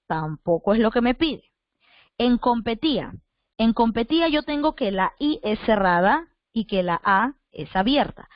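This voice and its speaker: A woman's voice: on the high side, no echo, dull audio. A woman teacher giving an online class, patiently repeating points and asking her students rhetorical questions.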